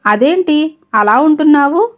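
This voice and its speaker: A kind young man from an audio storybook talks softly and gently to a friend, voiced by a woman narrator. The voice sits fairly high. The recording is slightly dull and lo-fi. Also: animated, measured pace. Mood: gentle. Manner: gentle, soft-spoken. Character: kind caring young male coworker.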